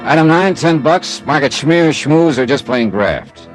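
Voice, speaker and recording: An actor plays a wry, streetwise American investigator narrating his own case in first person, in a clipped, hard-boiled classic radio detective drama style. He sounds wry and intent, with a fairly high pitch, lively intonation and an unhurried pace. The poor audio has music underneath.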